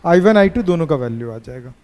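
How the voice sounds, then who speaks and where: A man teaching a physics class, teasing his students and pushing them to answer quickly. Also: on the high side, animated, darkish tone, in a large hall.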